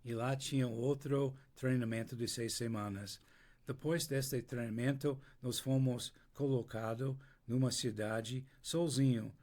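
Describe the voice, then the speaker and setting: This older English-speaking man from the United States is interviewed in Portuguese, which he speaks with an American accent. His mid-range, darkish voice tells his story at a slow pace, broken by many restarts and pauses while he gropes for the right words.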